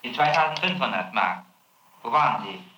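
On an archival interrogation tape, a male prosecutor questions a witness with probing, insistent questions. His medium-pitched voice is animated and sharp in tone at a moderate pace, in an echoey room with slight background noise.

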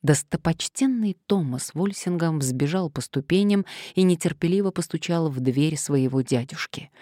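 Low-voiced woman narrating an audiobook. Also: animated, normal speed, dark tone, no echo, clean studio sound. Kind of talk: scripted narration.

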